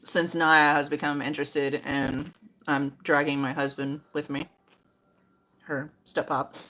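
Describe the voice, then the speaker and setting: A middle-aged woman chatting casually about ghost hunting trips, relaxed and full of fillers. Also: deep voice, a little slow, poor audio. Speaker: mother and moderator of the stream. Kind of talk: casual chat.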